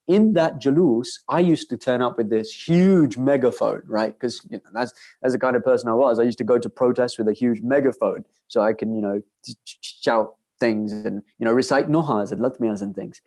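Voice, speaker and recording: A man's voice: medium pitch, a little fast, dark tone. A young man answering audience questions in a casual lecture, earnest and conversational, often restarting his sentences.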